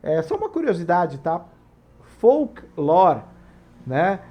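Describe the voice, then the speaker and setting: A man with a Brazilian Portuguese accent hosts a tabletop RPG channel, explaining the rules casually and wandering off on tangents, often tacking on tag questions. His voice is high and darkish, at a moderate pace.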